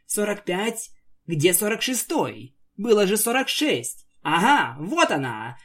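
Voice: medium pitch, very animated, slow pace, a bit bright, voice pushed up, full character voice. A reader voicing a fussy, grumpy female unicorn vampire who snaps and huffs, in an amateur fan-story reading. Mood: huffy. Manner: huffy, exasperated, snappish.

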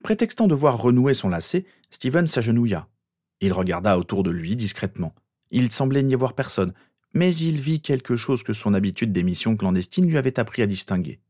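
A man narrating a fan fiction audiobook in a steady, measured way. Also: mid-range voice, no room sound, clean studio sound.

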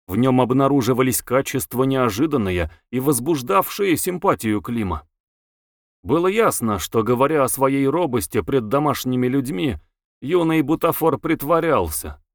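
A man narrating a novel as an audiobook reader, with expressive, lively intonation. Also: mid-range voice, no echo, studio quality.

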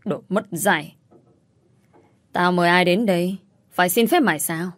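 A woman's voice: fairly low pitch, normal speed, no room sound, natural voice. A woman voicing a scornful bullying sister-in-law. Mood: scornful scolding. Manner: contemptuous, scolding, insulting. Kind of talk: storytelling, acted dialogue.

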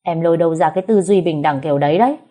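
A woman doing a calm teasing boyfriend. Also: sits low, rapid-fire.

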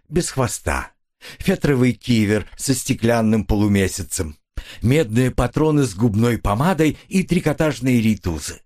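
A man narrating an audiobook in an expressive, ironic storytelling manner. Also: fairly low pitch. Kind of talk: scripted narration.

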